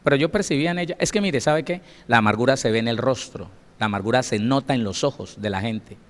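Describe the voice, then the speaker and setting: A man's voice: mid-range voice, fast talker. A male pastor teaching a Bible study, telling stories with emphasis and addressing listeners directly. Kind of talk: sermon-style Bible study. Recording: long hall reverb.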